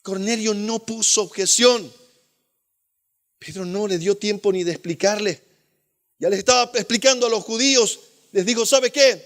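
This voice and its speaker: A male pastor preaches with fervor, his voice sitting high for a man. He swings between loud, ringing exclamations and hushed asides, calling his listeners beloved brother. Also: normal speed, long pauses. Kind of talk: sermon.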